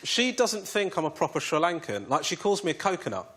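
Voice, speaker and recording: A man's voice: on the high side, sing-song, a little fast, background noise. A man from England, a comedian guest telling self-mocking stories on a chat show and acting out the people in them. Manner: storytelling, self-mocking, acts out quoted voices. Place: television studio with live audience. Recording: loud audience laughter and applause.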